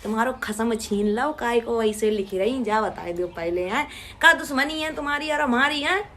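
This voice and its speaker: A young woman with a rural western Uttar Pradesh accent, from Badaun, answers her viewers' comments in a casual vlog. Her voice sits high and sounds bright and sharp. She scolds and mocks her commenters bluntly, with plenty of sarcasm. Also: normal speed. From Badaun, Uttar Pradesh, India. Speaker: vlogger reading viewer comments.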